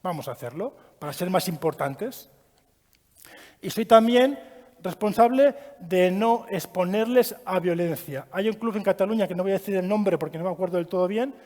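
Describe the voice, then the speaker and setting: Lively man lecturing in a reverberant hall. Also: sits high. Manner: lively, asks the audience questions. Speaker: trainer giving a child-protection course. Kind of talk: live training talk.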